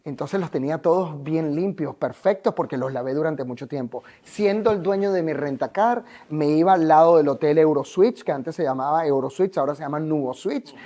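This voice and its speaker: A man's voice: fairly high pitch, a little fast, hardly any pauses, dark tone. A Venezuelan man, a life coach, telling his story in an interview in an earnest, emphatic, motivational way.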